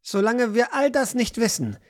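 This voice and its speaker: A woman reading an audiobook, voicing a burdened male guard captain in a lowered, hesitant, serious voice. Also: very animated, normal speed, darkish tone.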